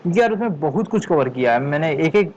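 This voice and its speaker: A man teaching a coding tutorial at a slow, deliberate pace, thinking aloud and muttering to himself when stuck. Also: fairly high pitch, animated, darkish tone, dull audio, slight background noise. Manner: thinks aloud, frustrated muttering "yaar", frequent "theek hai"; speaks slowly on purpose. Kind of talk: screen-recorded coding tutorial.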